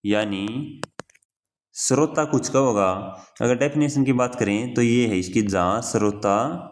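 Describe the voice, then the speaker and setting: A young man with a mid-range voice teaches exam-prep grammar slowly and casually. He repeats key phrases often and keeps calling the listener brother.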